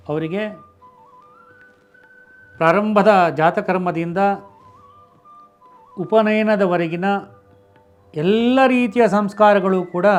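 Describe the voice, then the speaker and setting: A man giving a devotional storytelling discourse, conversational and animated, often breaking off and restarting words. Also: sits high. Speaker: religious discourse speaker.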